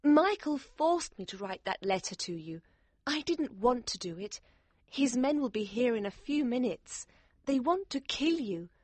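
A woman's voice: fairly high pitch, sing-song, unhurried, no room sound. A woman voicing a pale, nervous young woman who speaks urgently and anxiously. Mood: urgent warning.

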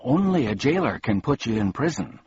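A man's voice: medium pitch, very animated, moderate pace, muffled recording, background noise, voice pushed up, close to an everyday voice. A man voicing a polite, matter-of-fact young boy in a storybook.

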